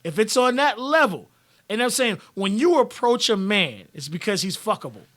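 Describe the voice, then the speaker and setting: A man's voice: high-pitched, moderate pace. A man hosting a live stream, reading viewer comments and talking bluntly with lots of swearing. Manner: blunt and profane, animated.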